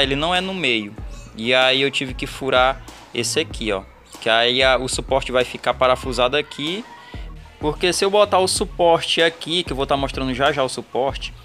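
A Brazilian man with a slightly high voice walks viewers through a homemade setup. His delivery is casual and hands-on, with faint music behind it. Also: pushed and bright. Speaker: vlogger showing a DIY setup.

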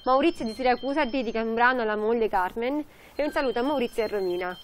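A woman's voice: on the high side, fast, soft background music. A young woman, reading viewer messages and dedications aloud as a co-host. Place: small indoor studio stage.

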